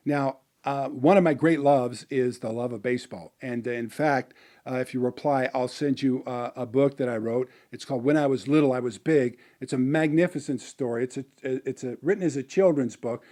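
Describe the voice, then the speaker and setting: A man's voice: medium pitch, moderate pace, mellow. A middle-aged man, a motivational business speaker, telling a personal story in a rambling way, with many fillers and restarts.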